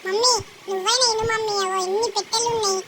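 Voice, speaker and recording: Excited little girl. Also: very high voice, fast talker. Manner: excited, bossy, whispering secrets. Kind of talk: playful chatty vlog narration. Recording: loud background noise.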